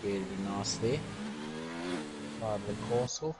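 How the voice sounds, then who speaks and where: Co-commentator man over loud engines. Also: on the low side, slow pace, very noisy. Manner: short agreeing replies and reactions. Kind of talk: sim racing commentary.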